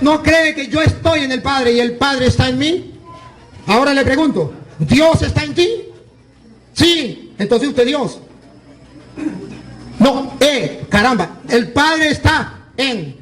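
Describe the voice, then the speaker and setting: Very high-pitched emphatic priest. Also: male voice, poor audio. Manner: animated, emphatic, rhetorical questions. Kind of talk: live religious debate.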